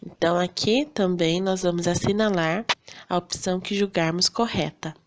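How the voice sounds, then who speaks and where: A woman's voice: lowish voice, steady tone, slight background noise. A Brazilian woman teaching a recorded lesson for fifth graders, patient and checking in often with her students. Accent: Brazilian Portuguese. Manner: slow, patient, checks in with "tá bom?".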